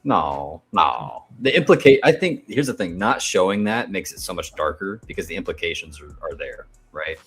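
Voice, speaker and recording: A man with a very low, husky voice chats casually. He is blunt and opinionated, with plenty of swearing as he rants. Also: sing-song, normal speed, few pauses, a bit bright. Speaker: co-host. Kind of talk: casual chat.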